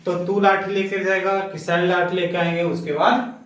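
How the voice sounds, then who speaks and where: High-voiced teacher, echoey far-off room. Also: male voice, level tone, normal speed, fairly bright tone. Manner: explanatory, addresses students as sir, chants vowels. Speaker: English teacher. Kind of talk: classroom lecture.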